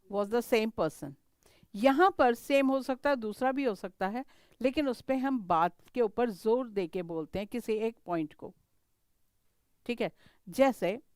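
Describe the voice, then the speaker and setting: A middle-aged woman with an Indian English accent teaches grammar, switching between Hindi and English and repeatedly checking that her students follow. Her voice is fairly high and smooth, recorded with no room sound.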